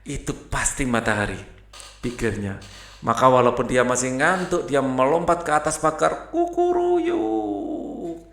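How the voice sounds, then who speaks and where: A man's voice: medium pitch, fairly even intonation, moderate pace, a bit bright, reverberant. A man teaching a primary school textbook lesson in a casual, chatty way, reading aloud and mixing in English words.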